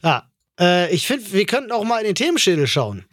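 A man's voice: sits high, very animated, a little fast, fairly bright tone, no room sound. A man co-hosting a casual podcast chat in slangy, colloquial speech, often searching for words. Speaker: podcast co-host.

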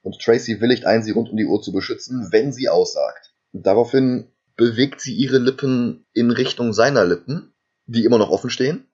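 A man's voice: mid-range voice, normal speed, a little mellow, breathy edge, muffled recording. A man co-hosting a casual film podcast, retelling the plot at length with dry asides. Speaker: podcast co-host recapping a film. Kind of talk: casual chat.

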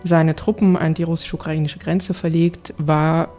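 A woman working as a correspondent, explaining things in a conversational reporting style with a creaky voice. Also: sits low, level tone, normal speed, dark tone, soft background music.

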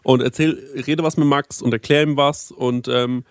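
A man's voice: mid-range voice, steady tone, normal speed, clear, resonant tone, no room sound, studio quality. A young man co-hosting a casual chat, telling stories with many fillers and slipping into self-pitying rants. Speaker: podcast co-host. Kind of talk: casual chat among friends.

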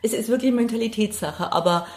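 A middle-aged woman from Passau in Bavaria, Germany, speaks a little fast in a slightly high voice with a darkish tone. As an interview guest she talks casually and reflectively, hesitating as she thinks aloud. The recording sounds roomy and echoey.

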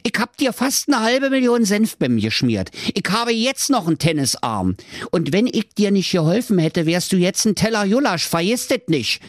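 A narrator voicing an ugly little evil male company doctor, squeaky, bossy and gloating. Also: very animated, moderate pace, dry recording, studio quality, natural voice.

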